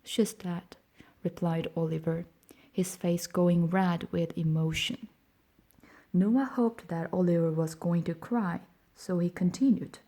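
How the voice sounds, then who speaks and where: A woman narrating an audiobook in a gentle, measured way that often drops to a hush. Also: on the low side, steady tone.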